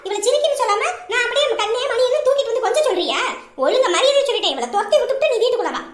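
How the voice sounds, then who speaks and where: A scolding, lamenting mother-in-law, played by a woman, who berates her son at length. Her voice is very high and shrill. It is recorded in a roomy, echoing space. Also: lively intonation, very fast. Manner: loud scolding, dramatic lamenting. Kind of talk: comedy skit acting. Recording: roomy echo.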